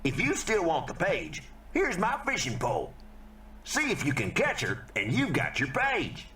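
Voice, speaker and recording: Gruff, animated old fisherman. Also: fairly high pitch, unhurried, reverberant, a little hiss or hum, heavily acted. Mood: folksy, excited. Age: older. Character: folksy, excitable old fisherman. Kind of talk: video game character dialogue.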